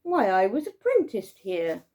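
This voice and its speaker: A woman's voice: medium pitch, huge pitch swings, a little slow, mellow. Woman doing an old miser Scrooge. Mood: excited. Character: old miserly man, moved by memories.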